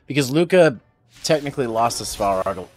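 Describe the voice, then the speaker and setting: A man's voice: medium pitch, lively intonation, normal speed, a little mellow. A man streaming a video game, giving casual, informal live commentary with some mild swearing.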